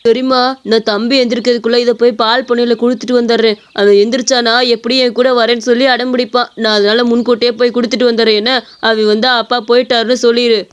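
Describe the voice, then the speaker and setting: A woman plays a gentle, indulgent father in a cartoon story. He talks in a soothing, coaxing way, with a high voice. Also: flat delivery, fast, clean tone, lightly acted.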